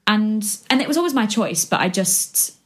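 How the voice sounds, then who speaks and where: A young woman from Yorkshire telling her story in a relaxed chat. She rambles, filling her sentences with ums and likes. Her voice sits at a middling pitch. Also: normal speed. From West Yorkshire, England. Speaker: guest. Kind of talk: casual chat.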